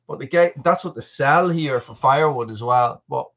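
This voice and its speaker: A man's voice: medium pitch, normal speed, creaky, a bit bright, muffled recording. An Irish man in his forties hosting a casual live stream, rambling along with lots of fillers and restarts. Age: 40s. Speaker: channel host.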